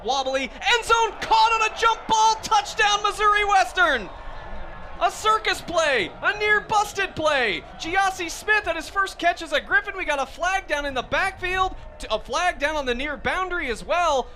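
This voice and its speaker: This American radio announcer, calling a football game live play by play, has a very high, expressive voice at a normal pace. The recording carries heavy outdoor stadium noise.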